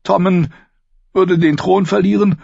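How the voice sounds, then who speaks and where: A man's voice: high voice, fairly even intonation, a little slow, vocal fry, a little mellow, slightly rough, no echo, voice pushed up, full character voice. A man voicing a proud, desperate adult queen in a raised voice, pleading and scornful by turns, in an audiobook reading. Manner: pleading, then scornful and biting. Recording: dull lo-fi, dry.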